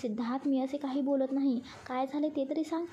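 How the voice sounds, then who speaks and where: A woman voicing a calm, advising friend. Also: high-pitched, fairly quick, natural voice. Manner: reasoning, advising gently. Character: young man, calm loyal friend.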